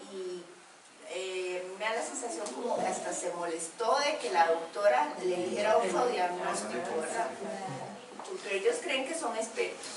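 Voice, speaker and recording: A woman telling an emotional personal faith story, full of fillers. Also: mid-range voice. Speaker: group member sharing testimony. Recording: echoey room, distant mic, background noise.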